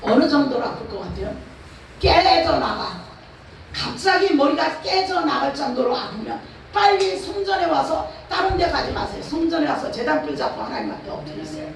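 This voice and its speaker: A woman pastor with a Chungcheong Korean accent preaches a revival sermon, her high voice rough with gravel. She presses her points with rhetorical questions. The sound is heavily echoey and distant, as if picked up from across a church hall. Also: very animated, normal speed. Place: church or prayer house hall. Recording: echoey hall, far from the mic, faint noise.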